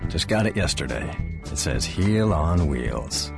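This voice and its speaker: An actor playing a proud, slightly dim wannabe biker in a comic radio commercial. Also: male voice, very deep voice, big pitch swings, measured pace, vocal fry, music in the background, exaggerated voice. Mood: boastful.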